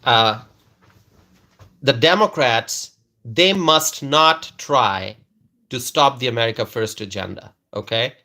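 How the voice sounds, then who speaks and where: Speaking slowly with a medium pitch and sharp tone, a man from Bangladesh runs a political live stream. He repeats himself, keeps adding "okay?" to his statements, stumbles through fillers and restarts, and welcomes viewers by name.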